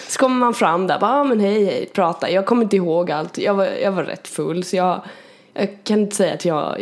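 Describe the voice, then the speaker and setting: A woman co-hosting a podcast, chatting casually and telling an animated story with frequent laughter. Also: medium pitch. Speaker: podcast co-host.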